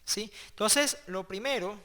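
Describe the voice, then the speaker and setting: A man's voice: high-pitched, a little slow, bright, forceful tone. A man teaching an online class. He talks in a conversational way, checks in often with the students and explains step by step, sometimes restarting a phrase. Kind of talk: online class lecture with prayer.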